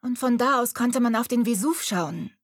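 Woman doing a bossy, high-pitched rich girl. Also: moderate pace, slightly rough, dry recording, studio quality. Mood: haughty. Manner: bossy, imperious, shrill when calling. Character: haughty rich young city girl. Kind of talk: audiobook character voice.

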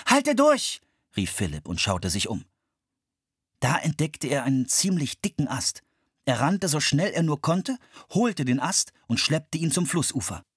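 A narrator reading a children's adventure story aloud in a lively, animated way. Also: medium pitch, breathy edge, no room sound, studio quality. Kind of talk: audiobook narration.

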